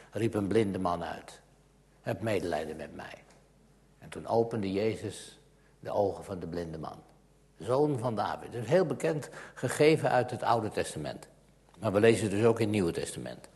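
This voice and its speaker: A man preaching a sermon and reading from the Bible, growing emphatic and louder on scripture and dropping to a hush at times. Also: fairly low pitch.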